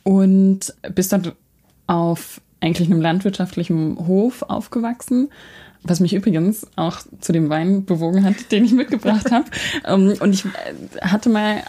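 Husky, mellow-voiced woman interviewer. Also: mid-range voice, moderate pace. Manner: attentive, affirming with frequent backchannels. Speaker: interviewer, host. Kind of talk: conversational interview.

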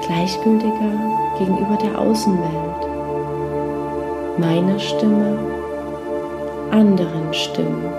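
A woman guides a meditation in a soothing, unhurried sleep story narrator manner, with short phrases and long pauses. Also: medium pitch. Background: new-age music.

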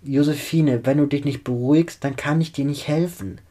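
Man reading a gentle, soothing female vampire. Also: on the high side, fairly even intonation, moderate pace, pitched above the performer's own voice, lightly acted. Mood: coaxing. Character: kind, calm young female vampire.

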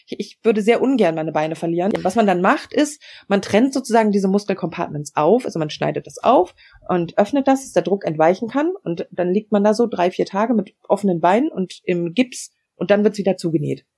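Frank, matter-of-fact woman with a mellow, husky voice. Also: mid-range voice, lively intonation, fairly quick. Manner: frank, matter-of-fact explanations with frequent fillers. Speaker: interview guest. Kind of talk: personal storytelling in a podcast interview.

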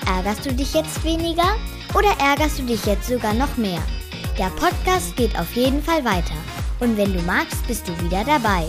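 Lively outro voice over music. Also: medium pitch, normal speed. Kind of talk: podcast outro announcement.

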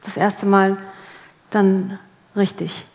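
A woman's voice: medium pitch, level tone, slow, darkish tone. A woman actress giving an interview, chatting casually with laughter and self-mocking humor. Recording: long hall reverb.

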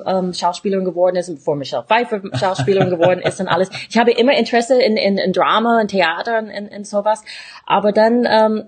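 A middle-aged American woman, a native English speaker, telling personal stories in an interview in German with an American accent and halting, slightly unidiomatic phrasing. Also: medium pitch, a little mellow, slightly rough. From USA. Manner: halting non-native phrasing with grammatical slips. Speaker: interview guest, radio show host. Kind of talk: casual personal storytelling in an interview.

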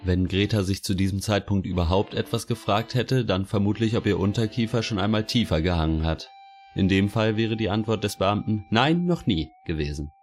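A man narrating a scripted story in an even, wry manner. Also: fairly low pitch, brisk. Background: soft music.

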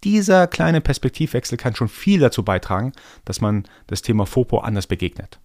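A man's voice: mid-range voice, very animated, a little fast, a little mellow, no room sound, studio quality. A man born in Iran, hosting a solo podcast and explaining his ideas step by step in a thoughtful, reflective way. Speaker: podcast host.

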